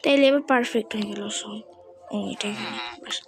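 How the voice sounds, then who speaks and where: A woman's voice: medium pitch, brisk, faint music behind, low-quality recording. A woman giving casual gameplay commentary, thinking aloud and chatting to the game characters. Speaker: gamer.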